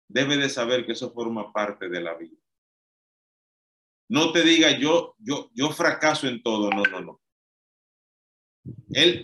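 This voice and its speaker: A man's voice: medium pitch, pushed and bright. A man preaching an emphatic, repetitive sermon. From Dominican Republic.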